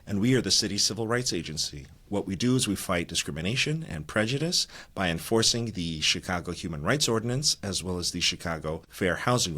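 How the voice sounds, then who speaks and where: A man's voice: lowish voice, a bit bright. A man hosting a podcast, giving a scripted intro and short affirmations between questions. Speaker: podcast host. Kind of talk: interview hosting.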